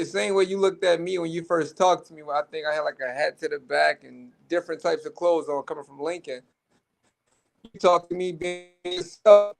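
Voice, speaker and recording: Gravelly young Baltimore man. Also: on the high side. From Baltimore, Maryland. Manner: relaxed, rambling with restarts. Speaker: guest. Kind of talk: casual storytelling chat.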